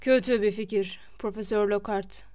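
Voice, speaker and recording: A woman voicing a cold, scornful male professor in an audiobook, speaking slowly with quiet disdain. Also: mid-range voice, steady tone, voice pushed down, lightly acted. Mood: sneering. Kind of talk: audiobook character reading.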